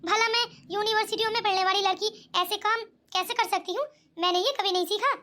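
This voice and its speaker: Spoiled young bride in a cartoon, voiced by a woman: snooty and dismissive, very high-pitched. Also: steady tone, a little fast, sharp tone. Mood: haughty. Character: spoiled, haughty young bride, lazy and boastful. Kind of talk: cartoon voice acting.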